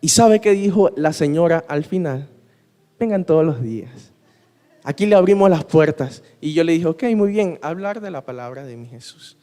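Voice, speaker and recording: A man's voice: a little high, expressive, moderate pace, mellow. A man preaching in a conversational way with rhetorical questions and personal anecdotes, unable to pronounce his R sounds properly. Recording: long hall reverb.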